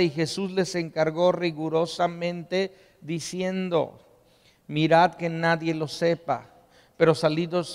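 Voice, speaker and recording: A man's voice: fairly high pitch, clean tone. A man preaching a sermon to his congregation, reading scripture aloud and asking them to repeat phrases after him. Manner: call-and-response preaching, asks congregation to repeat. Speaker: pastor. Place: church hall. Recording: long reverb in a church hall.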